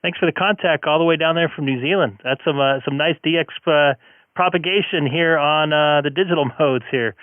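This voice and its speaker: Ham operator over AM radio. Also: male voice, fairly high pitch, brisk, no echo. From United States. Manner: rambling, chatty, filler-heavy. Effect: heard over a narrow AM-style radio link. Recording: tinny lo-fi radio audio.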